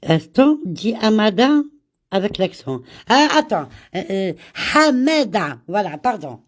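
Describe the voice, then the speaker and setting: A woman with a cold runs a casual live chat in a sing-song, mid-range voice. She moves slowly, repeats words, and greets viewers by name, adding the occasional Arabic greeting.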